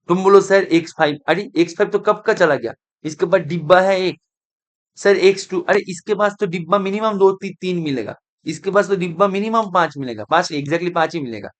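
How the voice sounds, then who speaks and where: High-voiced male math teacher, slow explaining. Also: fairly bright tone. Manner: addresses students as beta, asks if it is clear; mixes Hindi with English math terms and some Bengali. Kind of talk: online exam-prep lecture.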